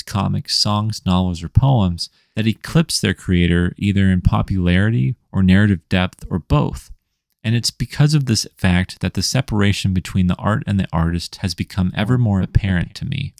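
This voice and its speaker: Gravelly low-voiced man narrating an essay. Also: a little mellow, no echo, clean studio sound. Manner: measured, rhetorical, list-like delivery. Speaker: indie comics writer and channel host. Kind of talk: scripted video essay narration.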